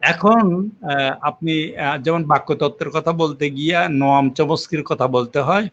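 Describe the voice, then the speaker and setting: A man's voice: fairly high pitch, normal speed, a bit bright. An older man, a linguistics professor, patiently explaining with examples and frequent fillers in an interview. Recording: muffled lo-fi recording.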